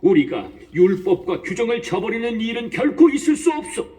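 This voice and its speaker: A man's voice: medium pitch, animated, moderate pace, close to an everyday voice. Man acting an aged grieving patriarch. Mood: defiant. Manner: solemn declaiming. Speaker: Mattathias. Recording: distant voice over soft music.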